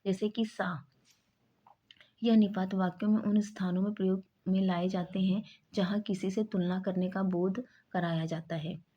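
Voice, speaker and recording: A woman's voice: mid-range voice, steady tone, normal speed, warm tone, slightly rough. A woman teaching a grammar lesson for exam preparation, explaining terms and stressing words in spoken examples.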